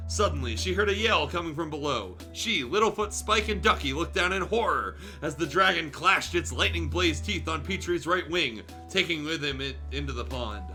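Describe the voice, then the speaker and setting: A sharp-toned, slightly high male voice carries this streamer's dramatic yet casual fan fiction reading. He makes small self-corrections and casual asides throughout the animated narration, with music in the background.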